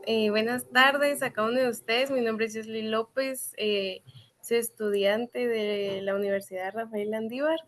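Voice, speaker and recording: A woman's voice: a little high, fairly even intonation, a little slow, a little hiss or hum. A young woman from Guatemala, a university student, eagerly introducing herself on a video call with hesitant fillers. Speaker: law student.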